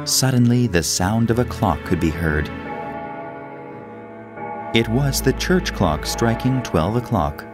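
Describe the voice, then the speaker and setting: A man reading a story aloud as narrator, in a measured, plain storytelling manner. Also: lowish voice, lively intonation. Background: music.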